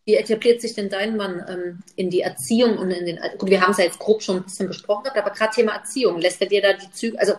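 A woman guest talks openly about family life in a casual chat. Her voice is middle-pitched, and there is a clear roomy echo around it. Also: fairly even intonation, fast talker, hardly any pauses, a little mellow. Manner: open, candid, many fillers. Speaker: podcast guest.

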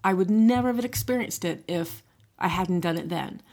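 A woman's voice: on the low side, normal speed, darkish tone. Middle-aged female podcast co-host; casual, chatty, conversational. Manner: chatty, frequent "right?" and "you know". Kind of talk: casual chat.

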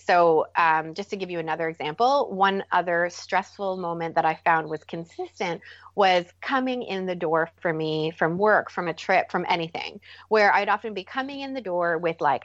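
Earnest lower-voiced woman, muffled. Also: no room sound. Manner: earnest, animated when acting out quotes. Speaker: podcast guest, parenting coach. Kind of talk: conversational podcast interview.

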